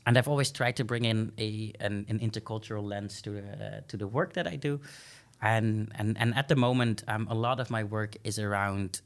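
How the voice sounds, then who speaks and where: A man's voice: lowish voice, normal speed. A young man from the Netherlands, a podcast guest speaking reflectively with many fillers and restarts. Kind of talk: podcast interview.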